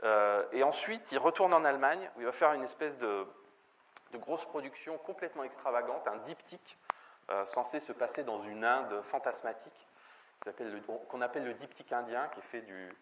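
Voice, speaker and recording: A man's voice: mid-range voice, animated, fairly quick, a bit bright. A man giving a spoken film lecture, often hesitating with fillers and restarts. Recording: dull lo-fi recording with faint ambient noise.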